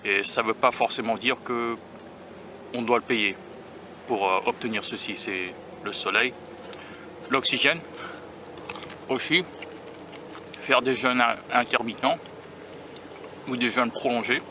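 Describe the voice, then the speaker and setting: An American man with a mid-range voice speaks slowly, leaving long pauses, as he vlogs casually while eating outside by a beach near rail tracks. He's a food-tasting vlogger filming himself on a handheld camera or phone, musing and self-conscious, often restarting sentences. Traffic and vehicle noise fill the background.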